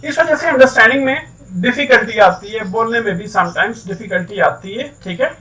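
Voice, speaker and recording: A man's voice: high voice, moderate pace, bright, forceful tone, far from the mic, low-quality recording. A man giving an online English lesson, explaining step by step and often checking "okay" with his students. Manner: explains step by step, keeps saying "ठीक है"; mixes English words and phrases into his talk. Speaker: English teacher. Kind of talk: online lecture.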